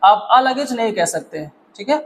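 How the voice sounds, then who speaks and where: A man's voice: very high-pitched, animated, normal speed, a little hiss or hum, rough recording. A male teacher with a Hindi accent explains grammar step by step. He often asks questions and then answers them himself. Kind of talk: classroom grammar lesson.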